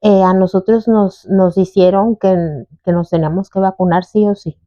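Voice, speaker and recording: Speaking at a moderate pace with a medium pitch, a young woman recounts her personal story in an interview, lively and voicing the people she quotes. There's no room sound, and the high frequencies are cut off in this conversational testimony.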